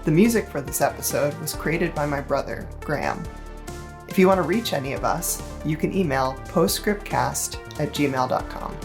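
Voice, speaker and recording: A woman's voice: low voice, expressive, moderate pace, over music. A woman co-hosting a podcast, in a chatty, casual film discussion with frequent laughs. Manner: chatty, laughs often, uses fillers. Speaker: podcast co-host.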